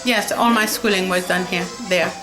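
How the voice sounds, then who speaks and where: A woman's voice: on the low side, steady tone, normal speed, poor audio. An older woman from Haiti, an artist and volunteer, chatting in an interview and often restarting her phrases. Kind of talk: casual interview. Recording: music playing behind.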